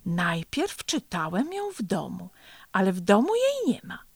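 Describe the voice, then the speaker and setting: A woman's voice: medium pitch, huge pitch swings, measured pace, slightly rough, no echo, heavily acted. A woman voicing a small, worried boy turtle who talks in an anxious, plaintive way in a storybook reading. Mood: puzzled.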